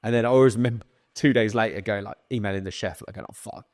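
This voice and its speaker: Low-voiced man telling stories. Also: quick pace, dry recording, clean studio sound. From England. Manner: animated, swears freely, acts out quotes. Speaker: guest. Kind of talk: casual storytelling.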